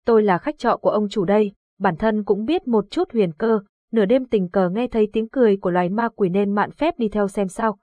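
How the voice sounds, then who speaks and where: Stern old exorcist, calm authority, horror audiobook, woman narrator, husky tone. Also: medium pitch, dry recording, natural voice. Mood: grave. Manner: measured, authoritative.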